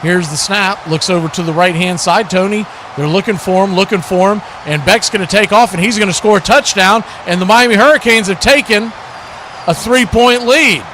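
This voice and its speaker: Hosting a watch party stream, a man gives live play-by-play and casual analysis of a football game, conversational and sometimes correcting himself. His voice is high and moderately paced, with background noise.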